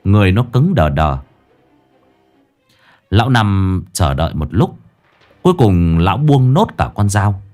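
Male ghost story narrator, low voice, lively delivery, dramatic reading. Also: unhurried, pauses often, faint music behind.

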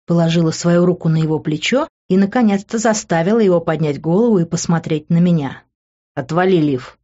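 A woman reading a first-person audiobook narration in a playful, lively way, switching between character voices. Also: fairly low pitch, fast talker. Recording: dull lo-fi recording.

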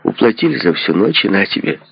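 A man's voice: fairly low pitch, very animated, brisk, vocal fry, husky, no room sound, voice pushed up, heavily acted. A man voicing a sardonic, probing detective in a book reading. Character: cynical, mocking male detective. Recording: dull lo-fi recording.

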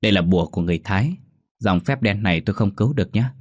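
A man's voice: fairly low pitch, expressive, rapid-fire. A man playing a curt, aloof male shaman of about fifty, in a spoken ghost story. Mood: grave. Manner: curt, grave, dismissive.

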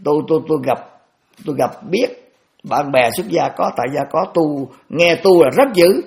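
A man's voice: a little high, lively intonation, moderate pace, gravelly, darkish tone. A man in his eighties, a Buddhist monk giving a dharma talk, repeating phrases and restarting often with homely examples. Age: 80s.

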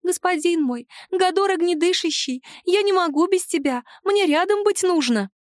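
Brief: woman voicing a clingy, weepy female house spirit for an audiobook; whiny, pleading, squeaky-high. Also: lively intonation, normal speed, no room sound, studio quality.

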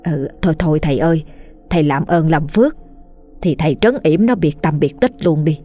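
A woman's voice: low-pitched, dark tone, soft background music. A woman voicing a frightened village wife. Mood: pleading. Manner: pleading, worried, hurried. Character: frightened older village woman, anxious mother-in-law.

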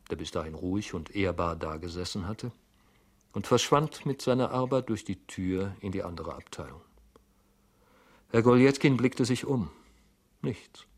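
Low-voiced male audiobook narrator. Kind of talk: scripted narration of a classic novel.

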